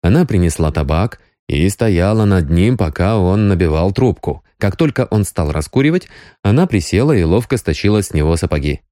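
A man narrating an audiobook with expressive storytelling. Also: low-pitched, normal speed, no echo, studio quality.

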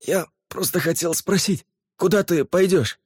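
Мужчина-чтец играет испуганного, измученного виной беглеца, который говорит напряжённо и сбивчиво. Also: male voice, high-pitched, unhurried, a little mellow, husky, no echo, studio quality, pitched above the performer's own voice. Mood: pleading. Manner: hesitant, strained. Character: frightened, guilt-ridden runaway man, a father.

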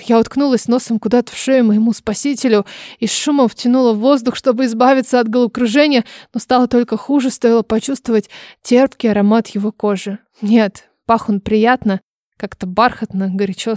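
A woman narrating a story in first person, reading in an expressive, dramatic way. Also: fairly high pitch, no echo, clean studio sound. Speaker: audiobook narrator.

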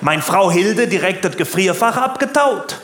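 A comedian voicing a loud, blunt older working-class man who keeps tacking on short questions. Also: expressive, normal speed, roomy sound, slight background noise. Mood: mocking. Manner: blunt, tag questions, jumps in pitch. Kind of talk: stand-up routine and prank call.

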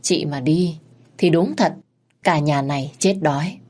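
Lady telling a dramatic story, lowish voice, lots of feeling. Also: measured pace. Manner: expressive, emotional narration. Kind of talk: dramatic audio story narration.

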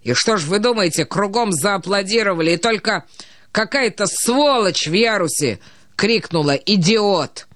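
A woman reads as a drunk young officer, loud and emphatic, his words slurring as he boasts. The storybook reading is dry and close. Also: medium pitch, expressive, normal speed, dry recording, lightly acted. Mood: drunken boasting.

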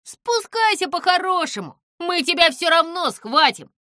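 A woman's voice: sing-song, a little slow, no room sound, studio quality, heavily acted. A woman reading a storybook aloud, voicing a small, boastful male alien villain who shrieks and whimpers. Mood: boastful threats. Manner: shrill, yelling, boastful then whimpering.

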